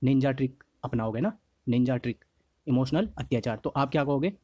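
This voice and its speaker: Hoarse-throated male teacher drilling memory tricks. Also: medium pitch, expressive, darkish tone, no echo. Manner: repeats mnemonics slowly, checks in with frequent "okay?". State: slightly hoarse from a sore throat. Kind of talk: classroom-style lesson teaching memory tricks. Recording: dry, slightly dull lo-fi recording.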